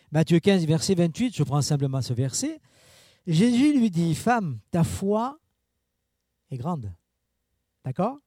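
A man preaches in a loose, conversational sermon style, peppering his points with asides to his listeners. His voice sits high but sounds mellow and dark, and the recording is dry with no room sound. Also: no echo. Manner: chatty, with fillers and asides to the congregation; animated, swinging pitch and loudness.

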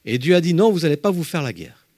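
Lively man teaching the Bible. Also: on the high side, quick pace, dry recording, clean studio sound. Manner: emphatic, lively teaching with spoken asides. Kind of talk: Bible study lesson with slides.

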